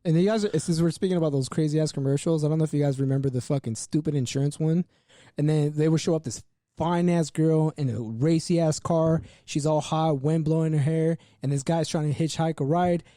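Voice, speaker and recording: A man's voice: on the high side, steady tone, brisk, mellow, no room sound, studio quality. A young man co-hosting a casual podcast who rants emphatically and swears often. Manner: emphatic, profane ranting. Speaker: podcast co-host. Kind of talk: casual chat.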